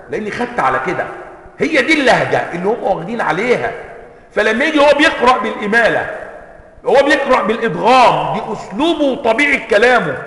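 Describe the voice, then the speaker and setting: A man's voice: sits high, pushed and bright. A man with an Egyptian Arabic accent teaching a classroom lecture as a sheikh, constantly checking in with listeners through rhetorical questions. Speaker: sheikh teaching a book on Quran sciences. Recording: echoey hall with long reverb.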